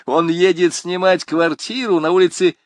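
A man's voice: high-pitched, big pitch swings, a little slow, dry recording, voice pushed up, full character voice. A man playing a rowdy jeering young student. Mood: mocking, rowdy. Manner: jeering, shouting taunts. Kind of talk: audiobook character voice.

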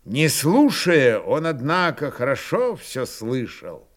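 A man narrating a literary audiobook in a measured, expressive way. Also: medium pitch. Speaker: audiobook reader.

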